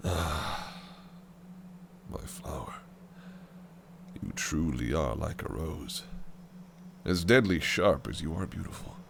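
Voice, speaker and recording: Voicing a possessive, scheming male fae prince in an audio roleplay, an actor delivers theatrical, old-fashioned lines that swing between shouting rage and hushed whispers. His extremely low, vocal-fried voice is expressive and heavily acted, slow-paced and full of pauses, in a rueful mood over background noise.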